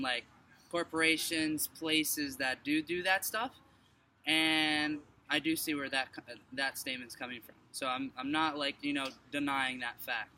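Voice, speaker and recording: A Moroccan man with a fairly high, sharp voice shares his view as a passerby in a casual street conversation. He rambles with many fillers and restarts, captured by a distant mic with background noise.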